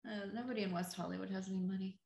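A woman's voice: medium pitch, steady tone, very fast, gravelly, a little mellow, reverberant. A woman guest on a podcast, telling stories in a laid-back chat and often trailing off mid-sentence. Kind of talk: casual chat.

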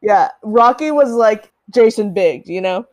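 A woman's voice: medium pitch, animated, unhurried, no echo. A young woman co-hosting a podcast, agreeing a lot and laughing easily as she chats about films. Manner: giggly, agreeable, chimes in often. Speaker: podcast co-host. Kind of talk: casual film discussion.

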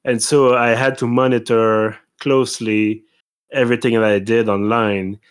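A man co-hosting a podcast in casual chat, thinking aloud with frequent pauses. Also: mid-range voice, little pitch movement, clear, resonant tone. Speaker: podcast co-host.

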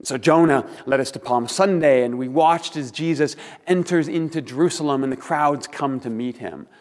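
A man preaching a sermon as a pastor, speaking in deliberate, earnest phrases with rhetorical pauses, in a large empty room. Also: medium pitch. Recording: reverberant empty hall.

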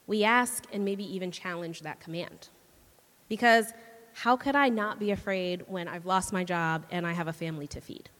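A woman giving a casual, chatty sermon to a church, laughing often and checking in with the audience with "right?". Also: medium pitch. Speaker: church speaker. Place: church hall. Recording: long hall reverb.

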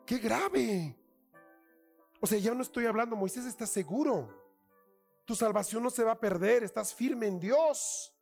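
A man preaching a sermon with a Chilean accent, acting out tempting voices and dropping to hushed whispers. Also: extremely high pitch, animated, measured pace, vocal fry, long pauses, faint music behind. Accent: Chilean Spanish.

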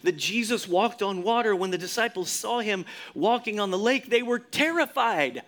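A man preaching a sermon as pastor, expressive, often dropping to a low hush for emphasis and leading the congregation in responses. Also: moderate pace.

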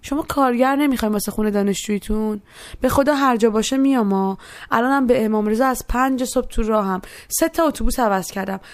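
A woman's voice: a little high, no echo, close to an everyday voice. A woman voicing a poor, tired young mother who pleads and explains her hardship. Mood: weary.

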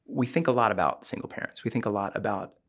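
A man with a low, gravelly voice talks through scripture in a relaxed, conversational way. He is earnest and explanatory, and he often fills his sentences with "um" and "like". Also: quick pace. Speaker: podcast host discussing the Bible. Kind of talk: casual Bible discussion.

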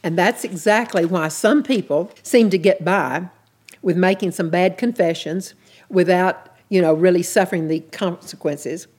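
A woman's voice: on the low side, normal speed, darkish tone, breathy edge. A woman teaching a sermon in an earnest, plainspoken way, repeating her key points. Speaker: Bible teacher.

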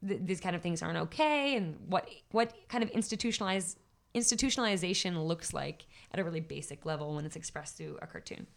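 A woman with a slightly low voice, a guest on a podcast. She talks animatedly and shifts easily into rhythmic, expressive spoken word recitation. Her delivery builds and flows with the cadence of performed poetry. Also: quick pace, vocal fry. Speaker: poet and guest.

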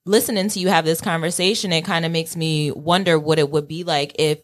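Lowish-voiced woman, reflective and informal. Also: fairly even intonation, a little fast. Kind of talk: casual reflective conversation.

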